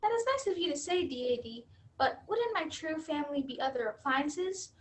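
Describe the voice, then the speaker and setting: A woman's voice: sits high, lively intonation, normal speed, a crowd in the background. A woman playing an earnest, dutiful robot vacuum in a scripted stage comedy, with formal robotic phrasing. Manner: formal robotic phrasing, spells words out letter by letter. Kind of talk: scripted youth theater comedy acting.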